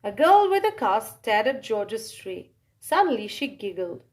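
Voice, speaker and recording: Her pitch fairly high, a woman performs a children's story with expressive, animated narration, holding dramatic pauses and calling out exclamations.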